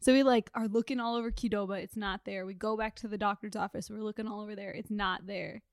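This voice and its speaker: A woman's voice: medium pitch, steady tone, quick pace, no echo, clean studio sound. A young woman in her twenties chatting casually as co-host, telling a personal story with many fillers. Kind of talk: casual chat.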